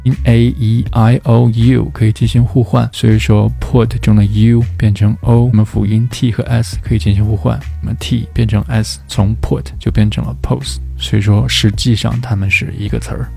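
A man teaching English pronunciation, patiently explaining each point step by step and sounding words out slowly. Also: lowish voice, flat delivery, vocal fry, darkish tone, slightly rough, soft background music. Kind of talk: explanatory lesson.

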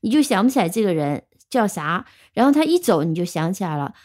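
A patient woman teacher gives a vocabulary lesson, speaking on her English words. She spells words slowly, letter by letter, and explains them step by step. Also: mid-range voice, big pitch swings, a little mellow.

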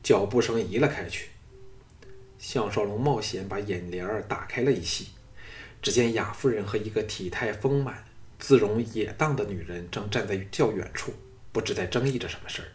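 A man narrating an audiobook in a dramatic, expressive storytelling style. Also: on the low side, moderate pace.

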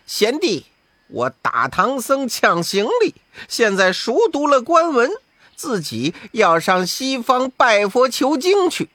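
A man's voice: high voice, wildly swooping pitch, slow pace, a bit bright, no room sound, voice pushed up, full character voice. A man voicing an arrogant impostor monkey king, sneering and cocky, in a storybook reading.

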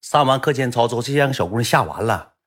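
A man's voice: mid-range voice, animated, fast talker, a bit bright. A young man with a Northeastern Mandarin accent telling stories in a blunt, chatty way on a livestream. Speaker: livestream storyteller. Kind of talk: casual storytelling livestream.

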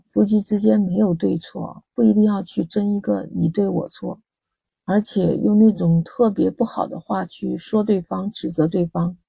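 Husky, gravelly-voiced woman giving advice. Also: mid-range voice, dark tone, no echo, low-quality recording. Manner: chatty, asks rhetorical questions. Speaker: vlog host. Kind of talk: casual advice talk.

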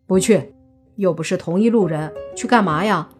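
A woman's voice: fairly low pitch, moderate pace, faint music behind, close to an everyday voice. A woman narrator voicing a young male zombie with dry, offhand retorts in an audiobook.

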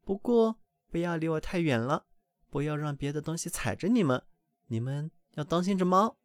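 A man voicing a doting, fussy mother duck in a storybook reading, with a high, excited, scolding voice. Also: normal speed, no echo, natural voice. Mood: proud.

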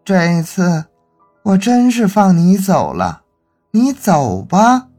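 A man's voice: high voice, sing-song, slow, a little mellow, faint music behind, voice pushed up, exaggerated voice. A man voicing a mischievous teenage boy who poses as a little ghost, teasing and then pleading. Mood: coaxing.

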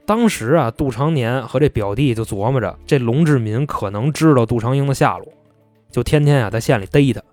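A man's voice: medium pitch, a little fast, darkish tone, no echo, faint music behind. A man casually telling a true-crime story in a chatty, colloquial way.

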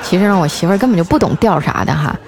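A woman's voice: on the low side, expressive, rapid-fire, noisy background. A woman podcast host reading listener messages aloud and answering them in a playful, teasing way. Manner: playful and teasing, often laughing. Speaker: radio-style podcast host. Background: faint background music.

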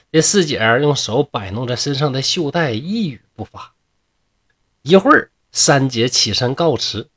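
Male storyteller, Northeastern Chinese accent, husky tone, very lively pitch, joking asides. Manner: lively, jokey, chatty asides to listeners.

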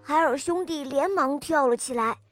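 With music playing beneath her, a woman reads a scripted storybook tale aimed at young children, delivering it expressively. Her voice is high and her pace moderate, and the recording itself sounds dry.

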